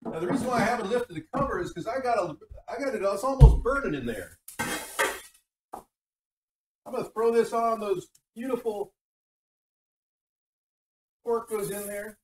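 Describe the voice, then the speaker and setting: A man's voice: high-pitched, expressive, moderate pace, pauses often, a little mellow, recorded from a distance. A man hosting a casual cooking livestream, rambling and chatting with viewers, his voice sounding tinny like a tin can through a built-in computer mic in a home kitchen. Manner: rambling, chatty, talks to chat while cooking. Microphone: built-in gaming laptop mic. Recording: tinny laptop mic, set back, faint noise.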